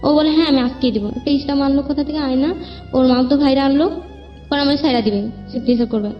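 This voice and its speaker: Speaking quickly but in a steady tone, a high-voiced Bangladeshi woman recounts her personal story for an interviewer. She rambles in plain language and quotes what people said. Background music plays under a dull, band-limited recording.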